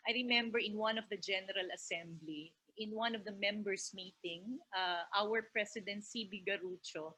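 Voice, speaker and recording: A woman's voice: medium pitch, moderate pace, hardly any pauses, pushed and bright, slightly rough, rough recording. A woman from the Philippines, giving a hesitant panel talk full of fillers and "no?" tags. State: emotional, voice rising near the close. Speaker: theater company speaker. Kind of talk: panel presentation.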